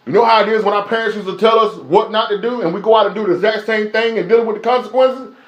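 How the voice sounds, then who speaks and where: A preacher with a high-pitched voice delivers a live-streamed sermon. He talks emphatically, repeats his points and fires rhetorical questions at listeners. The room around him rings with echo. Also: quick pace, a bit bright. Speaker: preacher teaching a Bible lesson. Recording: echoey room.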